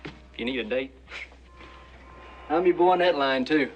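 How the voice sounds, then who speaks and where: An actor playing a sly, slangy small-time hustler making chummy, wheedling sales patter in a film. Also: male voice, medium pitch, moderate pace, dull audio, soft background music, close to an everyday voice.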